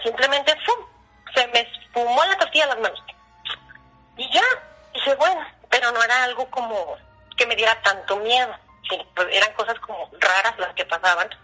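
Animated Mexican woman telling a ghost story. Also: on the high side, low-quality recording. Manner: animated, acts out dialogue in her telling. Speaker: guest storyteller. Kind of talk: casual storytelling.

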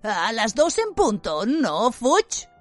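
A woman's voice: fairly high pitch, wildly swooping pitch, no echo, faint music behind, voice pushed up, exaggerated voice. A woman putting on a frail, very old wizard. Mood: weary. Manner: weak, slow, quavering.

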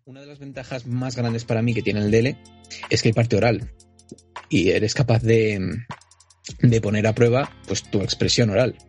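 A man interviewing on a podcast, asking questions haltingly while he searches for words. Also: mid-range voice, steady tone, soft background music.

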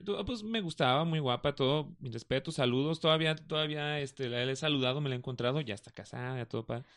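Young Mexican man, co-host, relaxed slangy storyteller. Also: medium pitch, fast. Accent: Mexican Spanish. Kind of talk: casual podcast chat.

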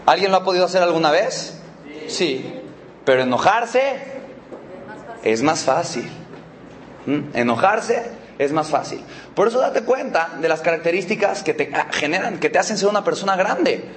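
A man's voice: high-pitched, normal speed, a little hiss or hum. Teasing Mexican man leading a seminar. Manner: lively, teasing the audience with rhetorical questions. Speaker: motivational speaker. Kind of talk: motivational seminar talk.

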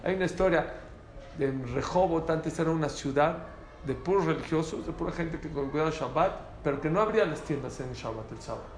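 Animated man teaching. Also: on the high side, brisk. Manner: animated, rhetorical questions, repeats for emphasis. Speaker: Torah teacher. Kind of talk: lively spoken Torah class. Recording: roomy echo, faint background noise.

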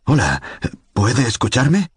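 A man voicing a tired, impatient official who speaks tersely but keeps himself calm. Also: mid-range voice, slow, breathy edge, no echo, studio quality, voice pushed up, exaggerated voice. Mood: tense, controlled. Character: weary, irritable older male official.

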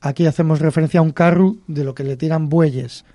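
Man, Cantabrian accent, podcast host, folk tale storytelling, chatty, chuckling, mellow, fairly high. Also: fairly even intonation, a little fast, no echo.

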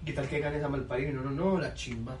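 A man's voice: mid-range voice, fast talker. Slangy young man, distant. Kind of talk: casual chat on a live stream. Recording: roomy, off-mic, faint background noise.

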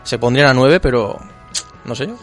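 Quick guy going on about football tactics, music faint underneath. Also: medium pitch. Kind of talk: casual football chat.

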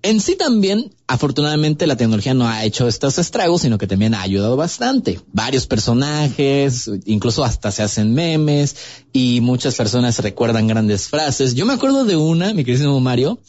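A man's voice: mid-range voice, big pitch swings, moderate pace, a little mellow, no echo, dull audio. A man hosting a podcast interview, talking emphatically and agreeing eagerly with his guest. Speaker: podcast host.

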